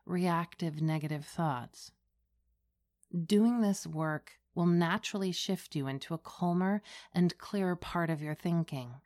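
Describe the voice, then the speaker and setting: Female meditation guide, low register, very slow and soothing, gentle guided-relaxation delivery.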